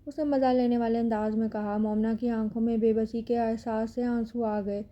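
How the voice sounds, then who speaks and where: A woman narrating a dramatic novel in a steady storytelling manner. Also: on the high side, highs cut off. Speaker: audiobook narrator.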